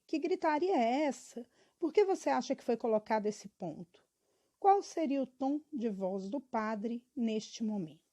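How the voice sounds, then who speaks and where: A woman's voice: on the high side, mellow. A girl of about twelve, reading school questions and her answers aloud, evenly and with small stumbles. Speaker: student.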